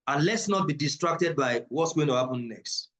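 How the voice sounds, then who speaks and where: In a poor-quality recording, a man from Africa runs a live online numerology and esoteric class, answering questions and stressing ideas by saying them again. His fairly high, slightly bright voice is animated and moves at a moderate pace, with an emphatic, preacher-like manner.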